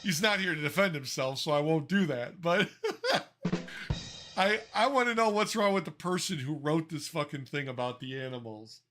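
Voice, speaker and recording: A man's voice: a little high, expressive, a little fast, hardly any pauses, over music. A man co-hosting a casual podcast, ranting and swearing in exasperation, often restarting his sentences. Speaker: podcast co-host.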